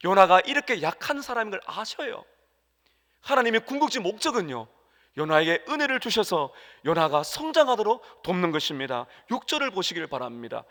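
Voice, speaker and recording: A man preaching a sermon as pastor, emphatic, jumping between loud exclamations and quiet asides and acting out quoted prayers. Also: high voice. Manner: acts out quoted prayers and dialogue. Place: church sanctuary. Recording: long hall reverb.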